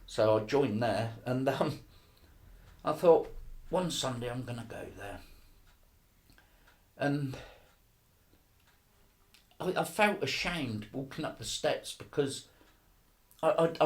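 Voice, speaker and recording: A middle-aged man tells his faith story in a casual, earnest way. He stumbles and repeats words as he goes. His voice sits at an ordinary pitch. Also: expressive. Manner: earnest, halting, repeats words, occasional laughs. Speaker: testimony speaker. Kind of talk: personal faith testimony.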